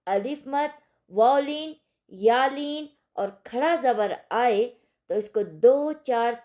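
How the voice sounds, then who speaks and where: Slow, patient woman teaching recitation. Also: fairly high pitch, a little mellow. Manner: slow, patient, drills syllables and recites verses drawn out. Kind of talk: online tajweed lesson.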